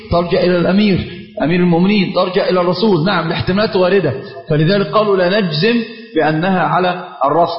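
A man teaching a religious lesson, explaining points carefully and chanting short examples of the call to prayer. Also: on the high side. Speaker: sheikh teaching a class. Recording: echoey hall, dull lo-fi sound.

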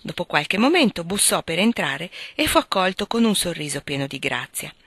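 A woman's voice: on the low side, moderate pace, husky, dry recording, clean studio sound. A woman reading a classic novel aloud as an audiobook, telling it expressively. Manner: expressive storytelling. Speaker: audiobook reader.

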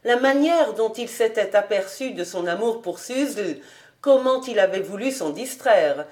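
Slow, calm woman narrating a novel. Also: medium pitch. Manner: measured, calm storytelling. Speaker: audiobook reader. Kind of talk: scripted narration of a classic novel.

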